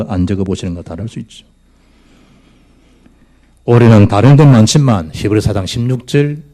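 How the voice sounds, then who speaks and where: A man preaching as a pastor, swinging from loud exclamations down to near-whispers. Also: fairly low pitch. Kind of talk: sermon. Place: church sanctuary.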